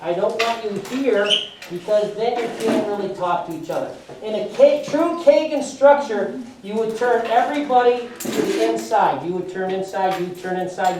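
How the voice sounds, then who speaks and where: A woman teaching a math class, giving brisk directions and checking for understanding with frequent questions. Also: fairly low pitch, noisy background. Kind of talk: classroom instruction. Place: large echoey classroom with students. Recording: echoey classroom, distant mic, student chatter.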